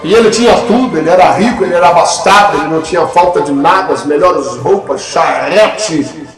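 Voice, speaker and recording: A man's voice: a little high, a little fast. A man preaching a sermon, emphatic and fond of rhetorical questions to his listeners. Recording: echoey room with music behind.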